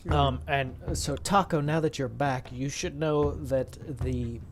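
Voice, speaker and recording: A man serving as dungeon master, walking his players through a room with frequent restarts and small self-corrections. His voice sits at a middle pitch, with a faint hiss of noise behind it. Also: fairly even intonation. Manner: halting, restarts and corrects himself. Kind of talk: narrating a tabletop game.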